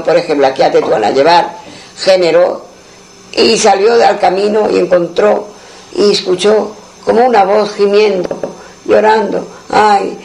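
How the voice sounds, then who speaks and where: A man's voice: sits high, creaky, darkish tone, poor audio. A man telling a traditional folk tale in a rambling way, full of asides and restarts. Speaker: storyteller.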